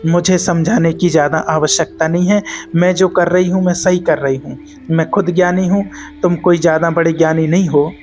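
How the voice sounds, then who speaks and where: A man's voice: a little high, fairly even intonation, moderate pace, faint music behind, lightly acted. Quarrelsome merchant's wife, told by a male preacher. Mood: scornful. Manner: sharp, dismissive retorts. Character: quarrelsome merchant's wife, middle-aged woman.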